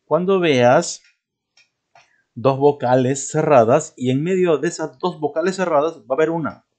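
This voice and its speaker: A man's voice: a little high, moderate pace, a little mellow. A man teaching a grammar lesson step by step. He asks questions and answers them himself, and often checks in with short tag questions. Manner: explains step by step, asking and answering his own questions; points to something he is showing as he talks. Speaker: language teacher.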